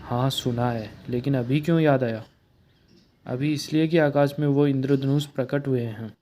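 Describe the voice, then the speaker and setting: A man reading a comic book aloud, narrating and voicing every character in a plain, steady way. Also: mid-range voice, normal speed.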